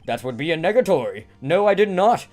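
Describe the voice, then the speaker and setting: A man voicing a pompous, long-winded male company boss in a fan reading of a game script, talking slowly in fussy, grand words. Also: a little high, very animated, a little mellow, faint music behind. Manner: slow, grandiose, fussy wording.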